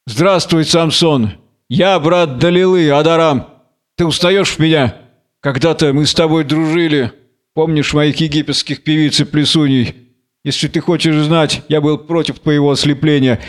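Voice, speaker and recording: A man's voice: fairly high pitch, fairly even intonation, moderate pace, lightly acted. A man voicing a contemptuous young nobleman who speaks coolly and with disdain. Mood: disdainful. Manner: cool, disdainful.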